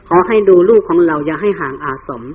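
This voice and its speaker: A man voicing a grieving young royal mother who quietly and slowly pleads with her children and husband. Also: fairly high pitch, animated, slightly rough, in a large hall. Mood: anxious. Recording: tinny phone-like recording.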